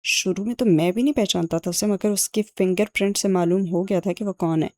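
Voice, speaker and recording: A woman's voice: medium pitch, a little mellow, no room sound, close to an everyday voice. A woman reading an audiobook and voicing a sardonic young man who explains his schemes with dry sarcasm. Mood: wry. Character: sharp, sardonic young man, ex-agent uncle.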